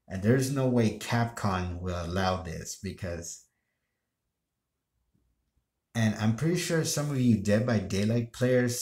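A man's voice: fairly low pitch, darkish tone. A man who streams games, talking in a casual monologue that rambles, restarts sentences and sighs. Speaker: gaming streamer. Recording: roomy echo.

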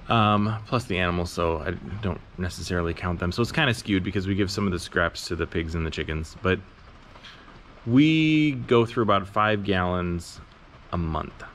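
A man in his thirties, a worm farmer, casually explains how to start a worm farm, relaxed and rambling with many "um"s. His voice sits low, with a little hiss or hum. He's filmed indoors in a large insulated barn or workshop, the camera held low and close.

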